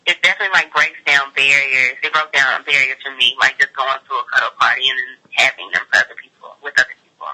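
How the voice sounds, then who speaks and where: A woman's voice: a bass voice, fairly even intonation, fast, hardly any pauses, pushed and bright, low-quality recording. A woman speaking over the phone in a casual interview, chatting informally as a guest sex educator with frequent filler "like". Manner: informal, peppers speech with "like". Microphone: telephone call.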